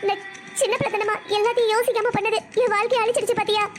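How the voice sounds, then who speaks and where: A woman's voice: very high-pitched, flat delivery, very fast, music in the background. A woman voicing a tearful teenage girl in a cartoon. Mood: heartbroken. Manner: tearful, complaining. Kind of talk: cartoon voice acting.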